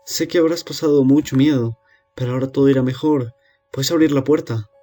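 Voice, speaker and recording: A creature mimicking a mother at the door, read by a man. It coaxes and reproaches in a mellow, mid-range voice with faint music behind. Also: medium pitch, steady tone, brisk, close to an everyday voice. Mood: coaxing. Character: monster faking a loving mother, coaxing.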